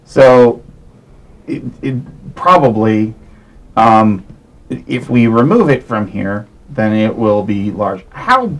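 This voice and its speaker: A man chatting casually as a tabletop game player, working out his plans aloud in a halting way. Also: fairly low pitch, lively intonation, rough recording.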